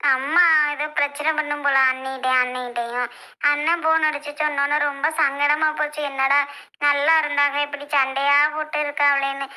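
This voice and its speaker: Woman cast as upset young wife, soft and plaintive, high voice, family skit. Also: poor audio.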